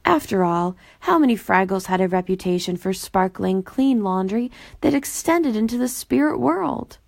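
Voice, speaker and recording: A woman reads a children's storybook aloud in a gentle, even storytelling voice. Her tone has a gravelly fry running through it. The recording is dry and close to the mic. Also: medium pitch, normal speed, dry recording. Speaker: storybook reader.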